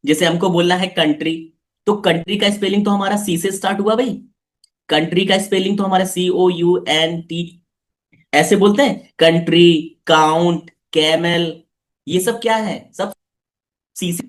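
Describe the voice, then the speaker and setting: A man's voice: high voice, steady tone, a little slow. Guy teaching kids online, keeps coaxing them, asks stuff again and again. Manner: coaxing, repeats questions to pupils. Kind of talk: live online class for children.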